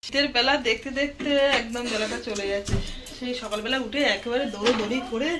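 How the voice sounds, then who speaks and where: Filmed on a handheld phone while she moves in and out of the house, this woman chats to her viewers about what she's doing as she handles her chores. Her voice is fairly high and quick, and the household noise in the background is loud.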